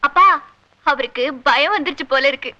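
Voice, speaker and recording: A woman's voice: sits high, brisk, bright, forceful tone, dry recording. An actress playing a spirited young woman dancer who teases playfully, in a 1980s film drama. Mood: teasing. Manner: teasing, playful. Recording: dull lo-fi film soundtrack.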